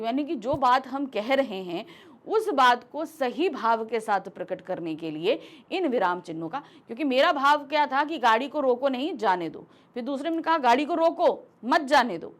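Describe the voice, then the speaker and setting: A woman teacher explaining a grammar lesson step by step, acting out example sentences as she goes. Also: high-pitched.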